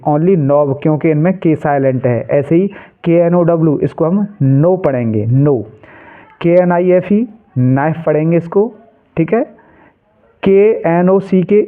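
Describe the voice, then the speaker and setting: A man teaching an English lesson who spells words out letter by letter and answers his own questions. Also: fairly high pitch. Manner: spells letters aloud and asks questions, then answers them himself. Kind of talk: classroom-style lesson. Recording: tinny phone-like sound.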